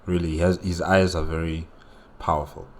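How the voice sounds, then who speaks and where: A man with a very low voice reacts casually and off the cuff. He feels his way through each thought haltingly, repeating words and leaning hard on the ones that matter. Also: little pitch movement. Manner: halting, repetitive, emphatic. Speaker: reaction video host.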